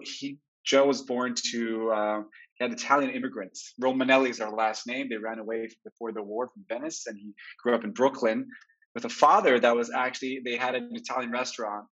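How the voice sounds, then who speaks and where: A man in his forties from Israel, a therapist giving a webinar talk, telling his own story in a candid, reflective way, heard through low quality webinar stream audio. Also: steady tone, a little fast, a bit bright. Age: 40s. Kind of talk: personal storytelling lecture. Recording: dull lo-fi webinar recording.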